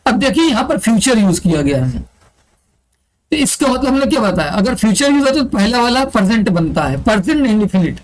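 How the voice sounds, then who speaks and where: A man's high voice swings widely in pitch as he moves fairly quickly through an online exam-prep grammar lesson in English, recorded in low quality. He breaks things down step by step, repeats key terms, and answers the questions he puts to the class.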